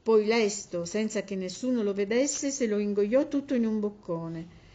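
A woman's voice: mid-range voice, moderate pace, dark tone. Woman reading a fable aloud. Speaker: narrator. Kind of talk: storybook reading. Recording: slightly dull lo-fi recording.

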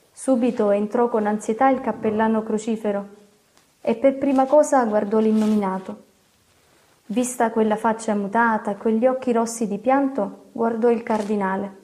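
A woman narrates a classic novel in a steady, expressive reading. Her voice sits slightly high yet sounds warm and mellow. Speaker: audiobook narrator.

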